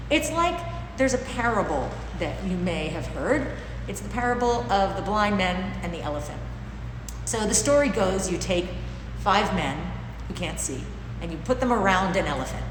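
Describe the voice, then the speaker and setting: A middle-aged woman teaching informally to camera, slightly muffled through a face mask, explaining things in a deliberate, emphatic way. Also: medium pitch. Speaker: dog trainer and class host. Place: large bare indoor training room with concrete-like floor. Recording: echoey hard-walled room, clear background noise.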